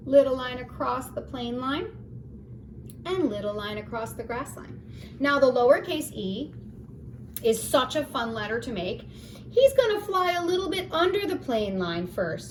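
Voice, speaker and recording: A woman with a slightly high voice teaches young kids phonics at home, using a soft, singsong, encouraging tone. Her mic sits at a distance, so the sound is echoey and carries background noise.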